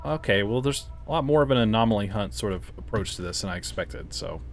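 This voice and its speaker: Casual gameplay commentator, male, low voice, lively and puzzled, faint hiss behind. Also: fast talker. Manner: puzzled, thinking aloud, startled yelps and laughs. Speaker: game reviewer playing a horror game. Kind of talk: casual let's-play commentary.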